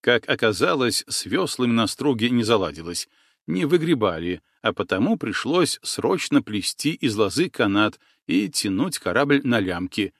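A man narrating an adventure audiobook with expressive storytelling. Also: mid-range voice, no echo, clean studio sound.

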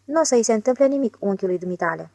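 A woman's voice: mid-range voice, gravelly, no echo. A woman reading a stubborn post office clerk. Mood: officious. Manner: flat, repetitive, officious. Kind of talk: audiobook character voice.

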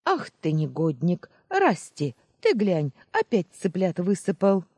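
A reader voicing a kindly, grumbling old village woman with a hoarse voice in an audiobook. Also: mid-range voice, very animated, measured pace, dark tone, dry recording, clean studio sound. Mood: scolding. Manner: good-natured grumbling, scolding. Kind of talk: audiobook character voice.

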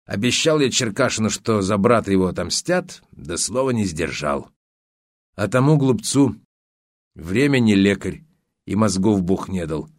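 Male reader as a scheming photographer, middle-aged, sneering, low voice, dry read. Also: big pitch swings, measured pace, dry recording. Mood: scornful. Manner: sneering, mocking and defensive. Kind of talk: audiobook character voice.

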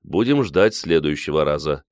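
A cold, reserved man, voiced by a male narrator, answering in calm, clipped words. The voice is very low and dark, read close and dry. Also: normal speed, no echo.

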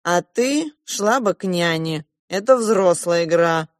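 A woman voicing a loud, excitable middle-aged rich man who owns a yacht, reading an audiobook. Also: lowish voice, takes it slowly, no room sound, clean studio sound. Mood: commanding. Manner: loud, exclamatory, bossy. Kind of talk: audiobook character voice.

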